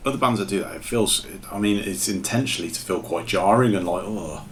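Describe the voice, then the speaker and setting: A man's voice: sits low, fast talker, slight background noise. A man chatting casually as a podcast co-host, blunt and laconic, with hesitant fillers. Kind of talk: casual chat.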